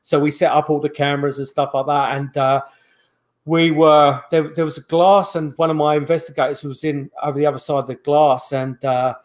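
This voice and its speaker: A man's voice: fairly high pitch, level tone, fairly quick. A middle-aged man, a guest paranormal investigator, telling stories in a rambling way, full of restarts and fillers, over a video call. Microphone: video call microphone.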